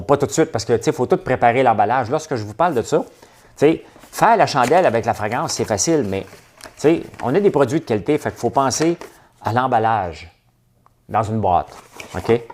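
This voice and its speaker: A man's voice: medium pitch, animated, a little fast, a little mellow. A man with a Québécois accent hosting a casual livestream chat, rambling and stop-start with lots of hesitations. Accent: Québécois French. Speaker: livestream host.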